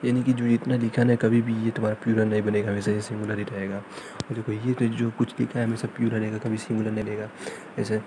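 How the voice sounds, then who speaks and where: A man teaching English grammar in a fast revision lesson, repeating points and reading English examples out slowly. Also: lowish voice, level tone, background noise. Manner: repetitive, drilling, reads English examples slowly.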